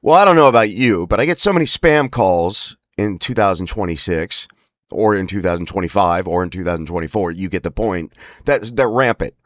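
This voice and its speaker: Spasmodic dysphonia gives this low-pitched, slightly bright male voice its strained breaks as he talks fairly quickly and with animation. He hosts his own lifestyle show about the disorder and here tells a rambling, emphatic, wry anecdote in a casual monologue, in a clean studio with no room sound.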